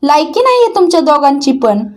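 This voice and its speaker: A woman's voice: sits high, very animated, fairly quick. A woman reading the lines of a rude, scornful woman from a rich household, in an insulting tone. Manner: insulting and shouting. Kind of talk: dramatic recap reading.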